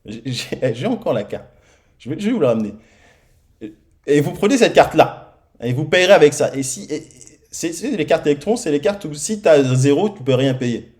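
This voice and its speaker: A man preaching in church, telling his own testimony in a lively storytelling manner and acting out the dialogue. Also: on the high side, moderate pace. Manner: lively storytelling, acts out dialogue, many repeated starts. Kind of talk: sermon testimony. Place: church hall.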